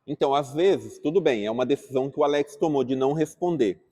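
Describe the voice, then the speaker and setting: A man's voice: mid-range voice, fast talker, warm tone. A man teaching a class at church, talking casually and asking the group questions. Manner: asks the group questions, calling on people by name. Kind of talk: interactive class talk.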